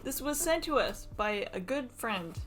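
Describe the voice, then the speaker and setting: Expressive young woman, lively voice. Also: fairly high pitch, unhurried. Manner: playful, teasing, expressive. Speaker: co-host of hobby channel. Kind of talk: casual unboxing chat. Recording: background music under voice.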